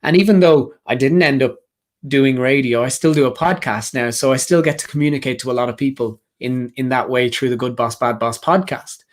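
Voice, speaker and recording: Male career coach, mid pitch, earnest and direct, repeats key phrases, motivational live talk. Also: a little fast. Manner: earnest, repetitive, speaks directly to the audience.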